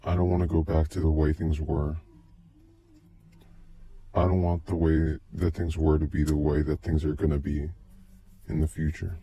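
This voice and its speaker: A man speaks through a voice changer that pitches him extremely deep, making him sound dark, muffled, and a little breathy. His delivery is slow, halting, and brooding with almost no pitch movement, as though he's confessing onto a tape in scripted first-person narration.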